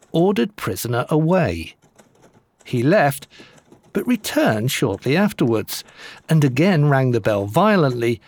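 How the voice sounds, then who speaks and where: A man reading old newspaper court reports aloud in a measured, lively way with dry wit. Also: medium pitch, slightly rough. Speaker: narrator.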